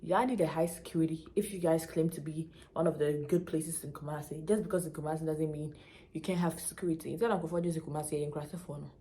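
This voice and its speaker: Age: young adult. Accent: Ghanaian. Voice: a woman with a fairly low pitch. Style: animated storytelling vlog, emphatic and blunt. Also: quick pace. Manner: emphatic, animated storytelling with local slang mixed in. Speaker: vlogger. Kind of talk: casual storytelling to camera.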